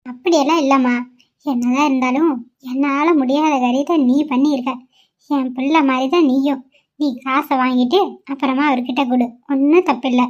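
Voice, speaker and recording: A woman's voice: high voice, steady tone, normal speed, lightly acted. A woman doing a fussing motherly mother-in-law. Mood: reassuring. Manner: motherly, chiding, warm-hearted. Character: caring middle-aged mother-in-law. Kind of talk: amateur cartoon voice acting. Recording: dull lo-fi sound.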